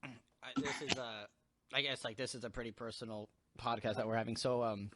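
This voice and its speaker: A man's voice: medium pitch, fairly even intonation, brisk, a crowd in the background. A young man hosting a podcast, talking casually in a rambling way with lots of swearing and fillers. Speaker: podcast host. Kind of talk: casual chat.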